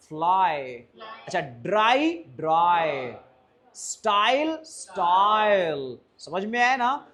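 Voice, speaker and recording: A man teaching spoken to a class, who drills his students with repeated questions and slows way down on the phrases he models. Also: sits high, a bit bright. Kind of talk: classroom lesson.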